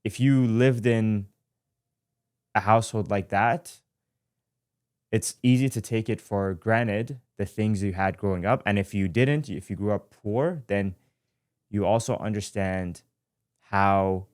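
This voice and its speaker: This is a podcast host in his twenties from Iran, casually telling his life story in a relaxed, reflective way, with many fillers, pauses and self-corrections. His voice sits on the low side, and the studio-quality recording has no room sound.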